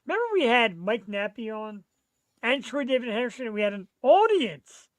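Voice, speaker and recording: A man, chatting casually as a podcast host in an excitable, slangy, rambling way. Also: very high voice, moderate pace, no room sound, studio quality. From Philadelphia, USA. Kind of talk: casual live podcast chat.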